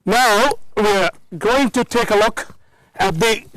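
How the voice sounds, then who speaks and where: A man's voice: sits high, slow, a bit bright, no echo, rough recording. A man out of breath, giving commentary outdoors on a mountain, admiring the view. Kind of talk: on-location commentary.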